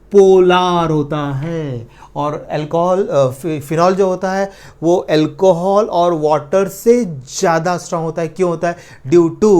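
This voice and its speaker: A male chemistry teacher, his voice mellow and warm. He walks through reactions step by step, puts a question to the class and answers it himself. He slows right down to spell out formulas. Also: high-pitched. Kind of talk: exam-prep chemistry lecture.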